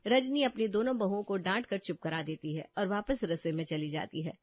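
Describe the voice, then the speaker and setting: A woman giving calm scripted narration of a cartoon story. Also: medium pitch, a little fast. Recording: dull dry voice-over with faint music.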